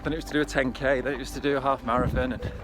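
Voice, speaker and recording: Over music on a low-quality recording, a man with a mid-range voice and fairly even intonation talks rapid-fire to viewers. He's a running vlogger, chatting conversationally and encouragingly as he jogs a hillside trail by reservoirs.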